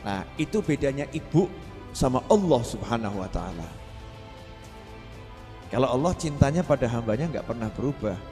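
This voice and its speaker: A man preaching a sermon, lively and quizzing his listeners. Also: medium pitch, moderate pace, long pauses, long reverb tail, faint music behind. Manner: lively, asks the audience questions.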